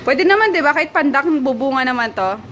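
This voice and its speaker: A woman's voice: high voice, lively intonation, a little fast. A woman chatting casually through a home vlog, walking around the house with a handheld camera and cooing at her pets now and then. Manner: chatty, coos at her pets in a sing-song baby voice. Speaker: vlogger. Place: family house, moving between rooms and stairs. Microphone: handheld compact camera. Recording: noisy home recording.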